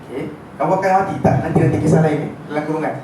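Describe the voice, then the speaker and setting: High-voiced Malaysian man lecturing in an echoey room. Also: very fast. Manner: lively storytelling, often checks the class understands. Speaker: religious lecturer. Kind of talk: informal religious lecture to a class. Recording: echoey room, distant mic, background noise.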